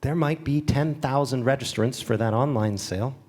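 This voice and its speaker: Auctioneer on a panel: a man, animated, slips into bidders' voices as he tells stories. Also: mid-range voice, normal speed. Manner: lively storyteller who acts out bidders. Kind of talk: panel discussion. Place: symposium stage before an audience.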